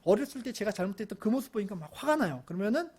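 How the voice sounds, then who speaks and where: A middle-aged man giving an earnest parenting lecture, telling personal stories about his children and at times pausing and restarting his sentences. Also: high voice, sing-song, breathy edge. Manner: earnest, softens into gentle soothing when quoting comfort to his daughters; hesitant, with fillers and restarts. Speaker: parent educator.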